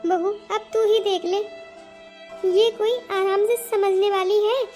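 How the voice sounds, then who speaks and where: A woman's voice: extremely high pitch, steady tone, slow, warm tone, faint music behind. A woman voicing a scolding old mother-in-law. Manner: nagging, lecturing. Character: scolding older mother-in-law, proud and stubborn. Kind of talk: Hindi cartoon voice acting.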